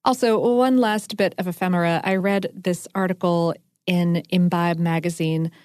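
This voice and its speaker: A woman's voice: lowish voice, steady tone, moderate pace, a little mellow, no echo, studio quality. A woman co-hosting a podcast, explaining food history and science in a chatty, enthusiastic way with lots of asides. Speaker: podcast co-host.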